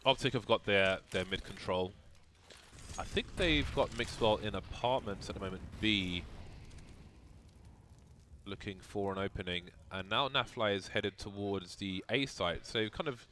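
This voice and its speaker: Brief: male esports caster, low pitch, bright voice, measured commentary, faint noise. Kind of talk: casual chat and commentary.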